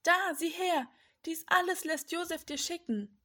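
A woman voicing a group of grown brothers in a children's story, calling out loudly and urgently. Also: on the high side, expressive, normal speed. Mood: eager.

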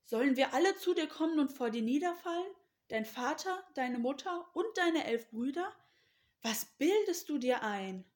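A woman's voice: high voice, animated, moderate pace, darkish tone. A woman voicing an old father who rebukes his son sternly. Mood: rebuking.

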